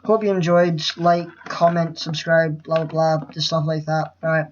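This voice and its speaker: Dull audio with slight background noise carries a flat, medium-pitched voice at normal speed. It belongs to a game-making tutorial host, nervous and new at this, who rambles, breaks off mid-thought, trips over words and swears casually while explaining a screen recording.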